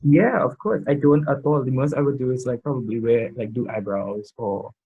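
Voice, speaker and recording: A man with a Trinidadian accent chatting casually, a little drunk and halting as he searches for his words. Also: mid-range voice, slightly rough, narrow, tinny audio. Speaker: guest in a makeup challenge video. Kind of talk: casual chat.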